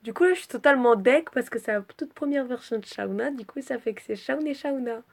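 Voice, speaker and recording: A woman's voice: on the high side, fairly quick, creaky, a little mellow. A woman talking casually through her drawings in a rambling vlog, swearing freely and sounding stuffy from a cold. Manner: chatty and scattered, swears freely. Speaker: vlogger presenting her character drawings.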